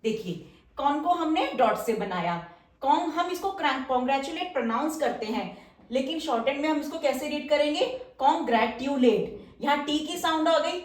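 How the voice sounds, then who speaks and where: High-voiced woman teaching in an echoey room. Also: animated. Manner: patient, repeats each word slowly as she writes it. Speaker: shorthand teacher. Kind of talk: explaining step by step while writing outlines. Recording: roomy echo, mic somewhat distant.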